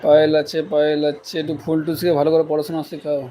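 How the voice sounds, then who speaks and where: A man hosts a casual phone live stream, reading viewers' comments out loud and teasing them in reply. His voice sits a little high for a man. A faint hum of background ambience sits behind him. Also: completely flat delivery, fast.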